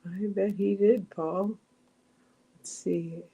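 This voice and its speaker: With a gravelly, breathy-edged mid-range voice, a middle-aged woman takes it slowly while running a meditation group livestream. Her intonation is fairly even as she reads comments aloud and chats in a meandering way, restarting often and slipping in soft asides.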